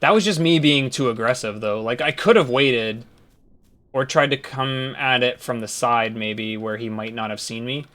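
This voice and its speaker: A young man giving casual live commentary as a speedrunner, talking through his moves and breaking into loud outbursts. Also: mid-range voice, normal speed. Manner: casual, talks to himself, swings to loud outbursts.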